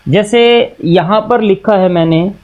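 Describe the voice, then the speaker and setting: This Indian-accented male teacher speaks at a measured pace in a voice that sits high and sounds a little mellow, with the highs cut off. Blending Hindi with English, he asks himself questions and answers them, going back over points patiently during the class.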